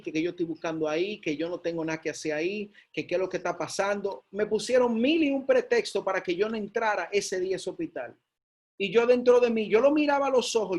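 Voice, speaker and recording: A man preaching a sermon, telling a personal testimony with excited repeats and emphatic peaks. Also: sits high.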